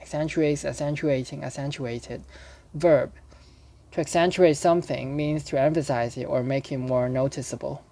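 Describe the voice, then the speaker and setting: A man, an English learner, reading dictionary entries aloud. His reading is careful and halting, he corrects himself, and he spells words out letter by letter. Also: on the high side, steady tone, warm tone.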